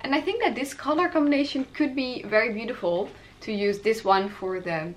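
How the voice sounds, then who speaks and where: A woman's voice: fairly high pitch, a little fast. A woman, hosting a knitting podcast and rambling casually from her apartment with hesitant fillers.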